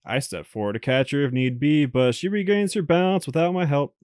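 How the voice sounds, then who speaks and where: A man's voice: on the high side, fairly quick, darkish tone, smooth, no echo, studio quality. A man hosting a let's play, reading a visual novel's narration aloud with amused laughs between passages. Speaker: let's play host reading the game text.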